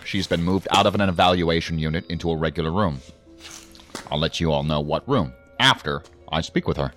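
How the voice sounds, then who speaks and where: Deep-voiced and speaking a little fast with a fairly bright tone, a man acts the part of a stern federal agency superior in a science fiction audio drama. He sounds formal, clipped, authoritative and commanding, brisk and businesslike, while faint music plays behind.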